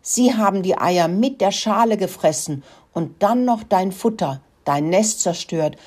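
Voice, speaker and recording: A woman's voice: medium pitch, expressive, unhurried, a little mellow. A woman voicing a greedy male pig who grunts and whines his excuses. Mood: accusing. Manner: whiny, grunting, defensive.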